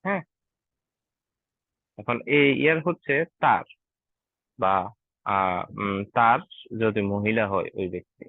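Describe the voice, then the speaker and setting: A man teaches German online to Bengali speakers, patiently and frequently asking "ঠিক আছে?" to make sure they follow. His fairly low voice has lively intonation, a slow pace and frequent pauses, heard through tinny, dry call audio with no room sound.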